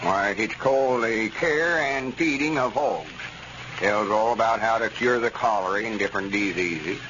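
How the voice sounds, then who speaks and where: An actor playing a folksy, self-assured rural Southern storekeeper in a 1930s radio comedy, drawling and homespun. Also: male voice, lowish voice, normal speed, natural voice. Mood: explaining, confident. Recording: dull vintage radio recording, faint noise.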